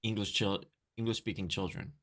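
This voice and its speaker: A man's voice: fairly low pitch, fairly even intonation, brisk, bright, forceful tone. A man co-hosting a podcast in casual chat, laughing often and trailing off into restarts. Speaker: podcast co-host. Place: living in Korea.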